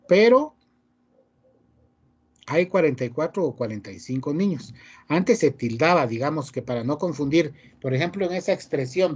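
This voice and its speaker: Mellow-voiced male teacher, muffled lo-fi recording. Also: fairly high pitch, husky. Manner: reads rules aloud and explains, ending phrases with frequent tag questions. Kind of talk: online class lecture.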